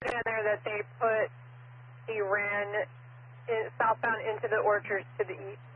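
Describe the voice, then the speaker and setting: A woman's voice: medium pitch, flat delivery, a little slow. A woman dispatcher reading out clipped radio codes and locations over a police radio transmission. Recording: narrow radio band with hiss.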